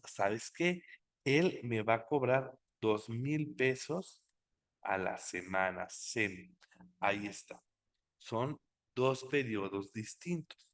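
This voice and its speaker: A man walks through a software tutorial at a deliberate, unhurried pace. His pitch sits in a middle register. He keeps checking in with short rhetorical questions as he explains. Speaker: software instructor. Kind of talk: screen-recorded tutorial explanation.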